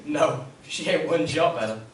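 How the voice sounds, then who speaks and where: A teenage boy acting a blunt, rough-spoken train porter in a school play. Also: a little high, moderate pace, a little hiss or hum, lightly acted. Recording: echoey school stage from far off.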